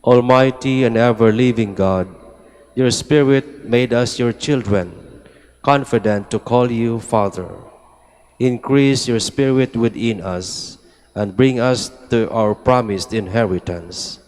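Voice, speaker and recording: A priest leading mass, reciting prayers and a blessing in a measured, solemn way, his voice carried by a cathedral echo. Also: medium pitch, darkish tone. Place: large church. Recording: long church reverb.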